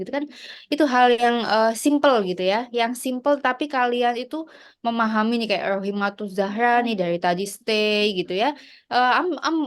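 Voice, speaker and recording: A woman lecturer giving an online class over a video call, encouraging her students and mixing in English phrases between fillers. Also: fairly high pitch. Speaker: university lecturer.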